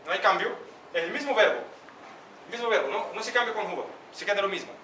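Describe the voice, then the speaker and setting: A man teaching an Arabic lesson to a class, asking students questions by name and drilling pronunciation slowly. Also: high-pitched, lively intonation, pushed and bright, a little hiss or hum. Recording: echoey classroom from a distance.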